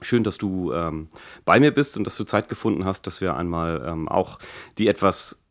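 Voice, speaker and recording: A man with speech hosting a casual podcast, his voice deepened and worn from a recent infection. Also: moderate pace, no room sound, studio quality. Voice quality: deepened, croaky voice left over from an infection. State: recovering from Covid with a lingering cough, vocal cords strained. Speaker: podcast host.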